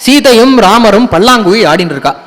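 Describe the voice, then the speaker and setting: A man's voice: high-pitched, animated, a little fast, fairly bright tone, big-room sound, low-quality recording. A man telling devotional stories in a discourse, acting out dialogue and now and then singing lines. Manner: acts out dialogue, breaks into sung lines. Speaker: religious discourse speaker.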